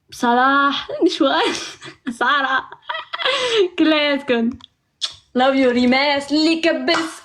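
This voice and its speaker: A woman hosting a live stream, excitable and laughing, rapidly calling out to viewers. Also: high voice. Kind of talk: casual live-stream chat.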